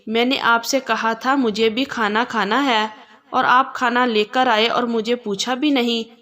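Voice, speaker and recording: A woman's voice: fairly high pitch, steady tone, lightly acted. A woman reading a shy young bride. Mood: timid. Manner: soft, hesitant.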